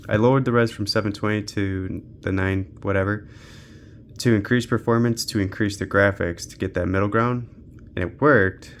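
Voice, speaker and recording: A tech reviewer who runs a handheld gaming channel talks through a casual, unscripted walkthrough while testing games, thinking aloud in a somewhat deep, fry-heavy voice. His tone stays steady and his pace moderate, with noticeable noise behind him.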